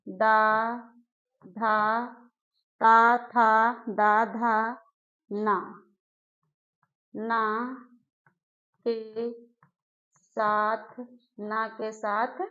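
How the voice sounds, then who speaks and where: Slow-paced woman teaching grammar drills. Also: fairly high pitch, fairly bright tone. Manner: slow, drawn-out syllable drills with repeated questions. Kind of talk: exam-prep grammar lesson. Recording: dull lo-fi recording.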